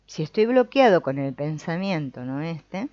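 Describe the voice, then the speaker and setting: Low-voiced woman explaining exercises. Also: sing-song, a little mellow, no room sound. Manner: conversational, tags many phrases with a questioning "no?"; pauses to search for words and corrects herself. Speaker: course instructor. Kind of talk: explaining therapy exercises in an online course. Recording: dull, slightly muffled recording.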